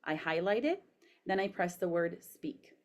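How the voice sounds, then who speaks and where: A woman with a slightly low-pitched voice gives a tutorial demonstration. She speaks as an instructor dictating aloud for voice typing, in an even, explanatory way. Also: measured pace.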